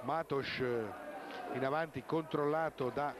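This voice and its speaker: A man giving live match commentary as a sports commentator, excited and drawing out words at goals. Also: on the high side, a little slow. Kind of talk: live goal commentary on an Italian roller hockey match. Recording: very noisy sports hall TV broadcast.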